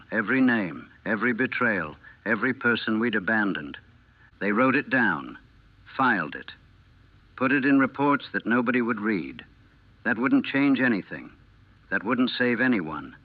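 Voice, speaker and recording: A man delivers scripted first-person narration as a war veteran, somber and deliberate, in short clipped phrases that build through repetition. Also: lowish voice, dry recording, phone-quality sound.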